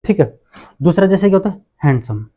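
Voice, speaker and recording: A man's voice: high voice, expressive, highs cut off. A man teaching an English grammar lesson, who asks questions and then answers them himself. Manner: asks rhetorical questions and answers them, repeats words slowly.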